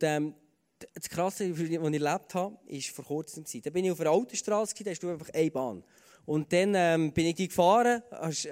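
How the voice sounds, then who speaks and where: Swiss german guy preaching, kinda high voice, chatty and earnest, lots of ums, long hall echo. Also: darkish tone. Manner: earnest, conversational, with fillers and repeated starts. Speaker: pastor. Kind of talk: sermon with personal stories.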